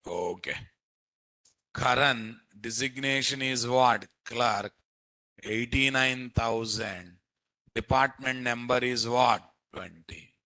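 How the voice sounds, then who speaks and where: Male coding trainer, Indian Telugu accent, bright insistent voice with some gravel, repeats himself and quizzes the class. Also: mid-range voice, slow, no echo, poor audio. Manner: repeats phrases and quizzes listeners. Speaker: programming instructor. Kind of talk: live software lesson to a class.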